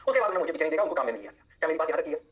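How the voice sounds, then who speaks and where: A man teaching an energetic physics lecture, often answering his own questions in a student's voice. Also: a little high, very fast. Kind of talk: online lecture.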